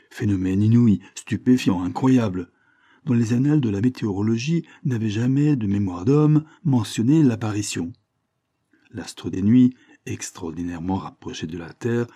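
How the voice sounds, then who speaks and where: A man reading a literary short story aloud in a measured, expressive storytelling manner. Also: on the low side, dry recording, studio quality. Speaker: reader.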